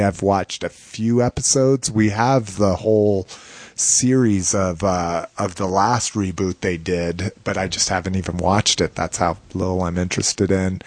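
Low-voiced man hosting a chatty podcast. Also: no room sound. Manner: chatty and enthusiastic, with frequent restarts and laughs. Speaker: podcast host. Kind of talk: casual podcast chat.

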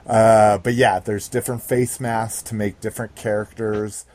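A man's voice: fairly low pitch, little pitch movement, moderate pace, a little mellow. A man hosting a podcast in casual hobby chat, rambling and swearing freely. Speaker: podcast host.

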